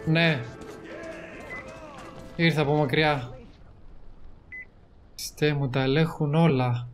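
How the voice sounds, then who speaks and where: Brief: man from Greece, teasing let's-play host, slightly high voice, game music underneath. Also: steady tone. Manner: playful, teasing. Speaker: gaming channel host. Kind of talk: joking let's-play commentary.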